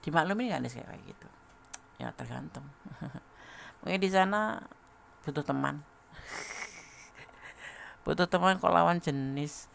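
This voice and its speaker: Tarot reader, male, very gravelly, chatty, laughs a lot, talks straight at the listener. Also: fairly high pitch, slow, long pauses, fairly bright tone, a little hiss or hum. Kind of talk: casual tarot reading to a viewer.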